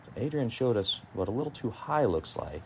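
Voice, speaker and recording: A man giving low-key, measured golf commentary, calling the play shot by shot. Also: big pitch swings, creaky, slight background noise.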